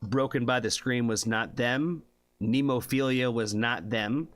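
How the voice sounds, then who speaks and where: This guy's voice sits mid-range, fairly bright and unhurried, with no echo. Hosting a music reaction stream, he chats loosely, cusses a lot, rambles through plenty of fillers, and keeps tossing out "you know what I mean?"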